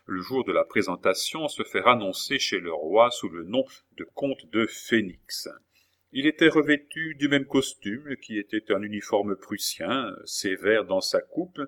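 Man reading a classic novel aloud. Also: fairly low pitch. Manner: steady reading with frequent hesitation fillers. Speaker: audiobook reader.

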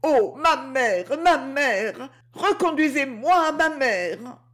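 A woman's voice: on the high side, sing-song, normal speed, pitched above the performer's own voice. A woman reading an audiobook, voicing a frightened young girl goddess who pleads through sobs. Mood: sobbing. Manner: sobbing, desperate pleading.

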